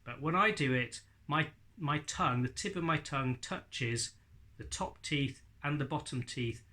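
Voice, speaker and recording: Bright-voiced man teaching informally. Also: medium pitch, unhurried. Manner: jokey, chatty asides. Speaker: ventriloquism teacher. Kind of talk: informal instructional video talk.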